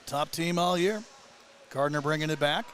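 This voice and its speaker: A man working as play-by-play commentator, calling a hockey game rapidly and getting excitable on big plays. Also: on the high side, heavy background noise. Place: live at an ice rink.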